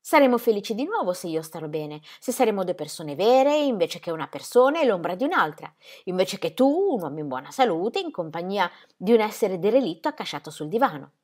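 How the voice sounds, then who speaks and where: A woman's voice: medium pitch, very animated, fairly quick, hardly any pauses, darkish tone. A woman reading the part of an anxious young pastor's wife who pleads and repeats herself breathlessly. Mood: pleading.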